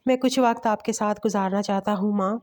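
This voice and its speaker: A woman's voice: mid-range voice, steady tone, a little fast, a little mellow, lightly acted. A woman voicing a grown young man who acts childlike, stubborn and sulky. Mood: sad. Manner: sulky, pleading.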